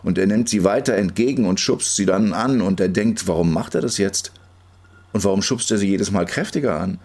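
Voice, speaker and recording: Brief: male reader, low voice, calm measured literary narration with a steady rhythm. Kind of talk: literary reading.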